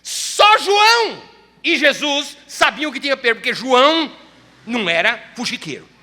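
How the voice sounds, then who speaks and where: Male pastor, sermon: high, bright and very animated, church hall reverb. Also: moderate pace. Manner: animated storytelling preacher.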